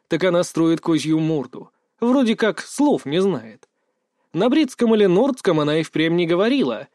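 A man reading a first-person fantasy audiobook aloud, with measured pacing and lively rises in pitch. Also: no room sound, clean studio sound. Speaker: audiobook narrator.

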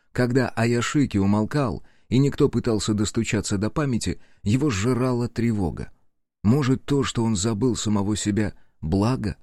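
A male narrator reads an audiobook with measured, even storytelling. His voice sits on the low side, and the recording is close and dry. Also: no room sound. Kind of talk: scripted narration.

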